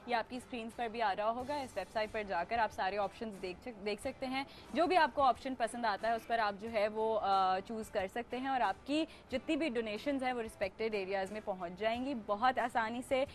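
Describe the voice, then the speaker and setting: A woman from Pakistan hosts a relaxed talk show. Her voice sits a bit high and she keeps things playful, laughing often and slipping into English mid-sentence. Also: normal speed, few pauses. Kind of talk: casual talk show chat.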